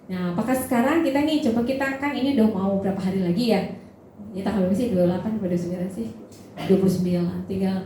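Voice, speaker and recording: A woman's voice: medium pitch, mellow, slight background noise. A woman preaching a sermon, telling a personal story and talking directly to the congregation in a conversational way. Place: large church hall. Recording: echoey church hall.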